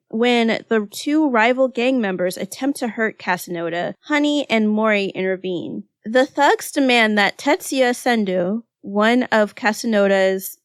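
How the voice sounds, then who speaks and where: A woman's voice: a little high, no echo. Chatty woman in her thirties, dry sound. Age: 30s. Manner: laughing, loose and chatty. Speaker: podcast co-host. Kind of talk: casual chat.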